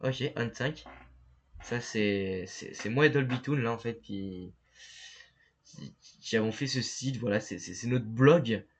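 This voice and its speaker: A man streaming a game live, talking to his chat in a halting, stammering way and reading the screen aloud. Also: mid-range voice, slightly rough. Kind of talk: live gameplay commentary.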